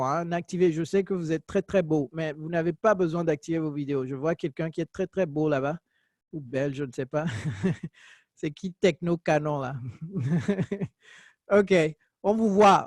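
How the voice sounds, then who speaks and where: A man's voice: high voice, no room sound, studio quality. A man teaching an English class online, correcting common mistakes with jokes and laughter. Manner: joking, lively teacher who corrects errors and laughs.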